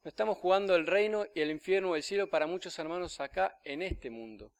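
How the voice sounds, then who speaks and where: Rioplatense priest giving a sermon, smooth clear voice kinda high for a guy, goes loud then drops real soft. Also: fast. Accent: Rioplatense Spanish. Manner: storytelling homily, rising for emphasis then dropping soft.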